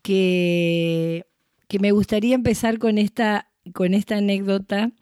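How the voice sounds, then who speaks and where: A middle-aged woman with an Argentine accent, a guest storyteller answering interview questions in a reflective, unhurried way. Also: medium pitch, fairly even intonation, darkish tone, clean tone, dry recording, clean studio sound. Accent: Argentine Spanish. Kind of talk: conversational interview.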